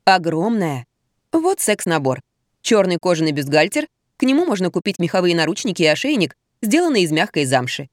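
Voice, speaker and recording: A woman voicing a patronizing young female shop consultant in an audiobook, using brisk sales patter. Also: fairly low pitch, very animated, no echo, studio quality.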